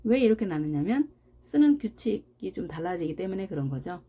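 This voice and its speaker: A woman teaching an English grammar lesson, explaining patiently and slowly repeating example words for practice. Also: lowish voice, very animated, dark tone, husky. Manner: slow, deliberate, repeats example words for drilling; explains patiently with rhetorical questions.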